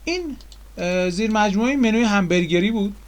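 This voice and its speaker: A man casually explaining software menus in a screen-recorded tutorial, chatty and full of fillers. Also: sits high, lively intonation. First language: Persian.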